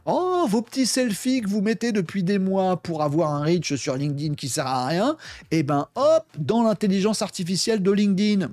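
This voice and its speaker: A man hosting a tech news video, giving casual, opinionated commentary full of fillers and animated asides. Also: a little high, dry recording. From France.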